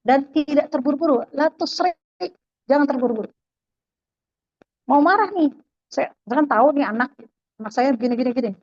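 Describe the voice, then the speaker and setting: A high, bright-pitched woman in her thirties speaks in a lively, story-filled way while answering questions at a religious talk. She drops in short Arabic phrases. The sound is dry and slightly dull. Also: moderate pace, long pauses, dry recording. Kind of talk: religious self-help talk with Q&A.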